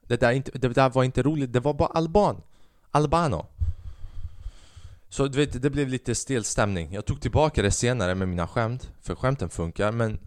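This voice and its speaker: A man's voice: on the low side, darkish tone, no echo, clean studio sound. A man in his twenties hosting a solo podcast, rambling restlessly, swearing often and mixing in English phrases. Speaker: podcast host. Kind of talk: casual solo monologue.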